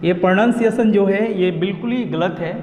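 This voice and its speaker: A man with a Bihar accent teaching an online lesson, explaining pronunciation slowly and repeating himself. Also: high voice, darkish tone, slight background noise. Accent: Indian, Bihar. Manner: slow, repetitive explaining of pronunciation. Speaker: English teacher. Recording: echoey room with long reverb.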